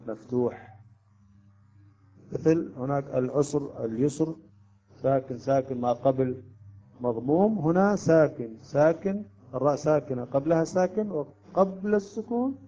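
Male Quran teacher; mellow voice, patient explanations, asks students questions; dull lo-fi recording. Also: fairly high pitch. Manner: explains slowly, chants examples in drawn-out recitation. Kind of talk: tajweed lesson.

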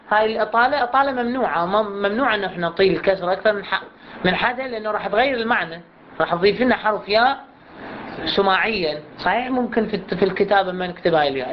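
A woman with an Iraqi Arabic accent teaching Quran recitation in a class, explaining patiently and saying words slowly for students to repeat. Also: mid-range voice. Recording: muffled recording with steady background noise.

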